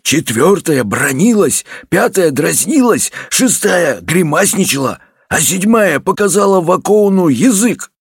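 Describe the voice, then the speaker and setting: Animated husky male storyteller. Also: high-pitched, measured pace, few pauses, no echo, studio quality. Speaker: audiobook reader. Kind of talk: expressive fairy-tale reading.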